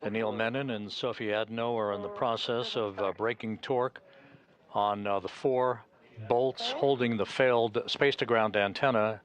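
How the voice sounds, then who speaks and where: A man with a fairly low voice provides live mission control commentary. His delivery is measured and halting, pausing often as he explains the technical work. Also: fairly even intonation. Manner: measured, halting with many hesitations.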